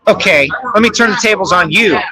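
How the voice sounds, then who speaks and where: A man's voice: high voice, animated, brisk, crowd noise, poor audio. A man who emcees events, chatting energetically and enthusiastically. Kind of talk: casual chat. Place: crowded fan event.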